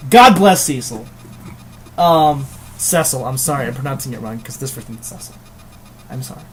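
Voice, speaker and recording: A man's voice: medium pitch, expressive, fairly quick, a bit bright, slight background noise. A man reviewing a video game in casual chat, rambling with many hesitations and casual swearing.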